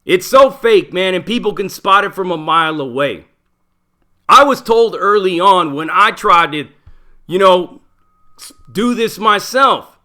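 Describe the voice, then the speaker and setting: A man's voice: high-pitched, lively intonation, measured pace, pushed and bright. A middle-aged man, a former prisoner, talking bluntly in a casual monologue full of profanity and street slang. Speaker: channel host, former prisoner.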